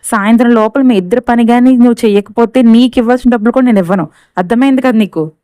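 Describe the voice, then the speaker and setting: A woman's voice: on the high side, fast talker, mellow, no room sound, close to an everyday voice. A woman voicing a harsh, scornful male work supervisor who gives orders.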